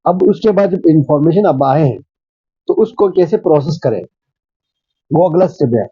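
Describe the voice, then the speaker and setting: A man's voice: fairly high pitch, expressive, normal speed, slightly rough, dry recording, highs cut off. A man who is a school principal, answering interview questions in a conversational, teacherly way, full of examples and fillers. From Pakistan.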